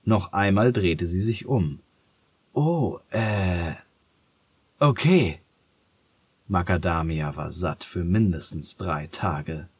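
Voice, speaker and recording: A man calmly reading a children's story aloud as the storyteller. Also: low voice, slightly rough, no room sound. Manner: calm, unhurried reading. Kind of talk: scripted children's story narration.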